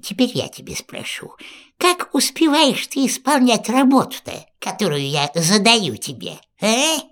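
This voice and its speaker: A slow, menacing old witch. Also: very animated. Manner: slow, drawn-out, sweeping pitch. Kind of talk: audio fairy tale acting.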